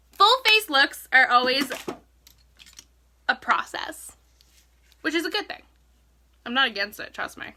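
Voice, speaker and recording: A woman's voice: sits high, very animated, slow, pauses often, pushed and bright, a little hiss or hum. A young woman chatting casually at home as she walks through a makeup tutorial, joking and saying "like" a lot. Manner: chatty, joking, filler-heavy "like". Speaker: makeup vlogger.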